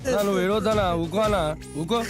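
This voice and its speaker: An actor playing a henchman who keeps coaxing his weeping boss to calm down. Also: sits high, very fast, over music, natural voice. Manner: coaxing, pleading.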